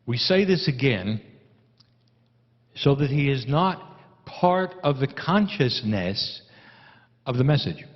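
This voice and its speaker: Expressive man channeling in a reverberant hall. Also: medium pitch, slow, pauses often. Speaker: spiritual channeler. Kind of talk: channeled spiritual address. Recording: dull recording in reverberant hall.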